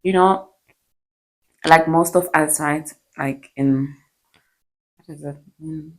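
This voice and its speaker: Co-host: deep-voiced woman, relaxed chat, fumbles for words. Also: slow pace, low-quality recording. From southern Africa. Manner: gropes for words, lots of fillers. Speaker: podcast co-host. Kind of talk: casual chat.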